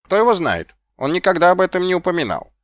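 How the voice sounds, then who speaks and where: A man voicing a scruffy, sly, cowardly little male guardsman who talks in quick, wheedling questions, in an audiobook. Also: sits high, big pitch swings, dry recording, clean studio sound, voice pushed up.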